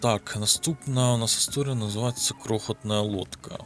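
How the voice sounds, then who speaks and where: A gaming video host with a Ukrainian accent gives casual commentary over game music, muttering offhand remarks to himself and swearing casually. His voice is fairly low and fairly bright, with a steady tone and a moderate pace.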